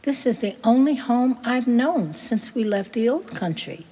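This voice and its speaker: A woman's voice: a little high, animated, unhurried, dark tone, husky, in a large hall, pitched above the performer's own voice. Woman reading as a tender grieving farm widow. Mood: wistful.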